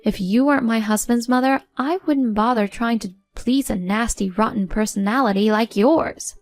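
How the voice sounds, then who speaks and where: A woman's voice: fairly high pitch, moderate pace, no room sound, faint music behind. A woman narrating a first-person story in a blunt, cold, confrontational way.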